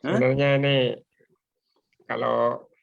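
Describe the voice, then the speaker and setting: Gravelly man on dull call audio. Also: mid-range voice, little pitch movement, unhurried, no echo. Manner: agreeable, laughs along. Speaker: moderator. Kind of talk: religious discussion.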